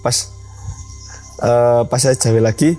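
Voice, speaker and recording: A man's voice: mid-range voice, fairly even intonation, takes it slowly, warm tone, soft background music, low-quality recording. A young man, a mountain ranger and guide telling a story in an interview and acting out its dialogue. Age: young adult.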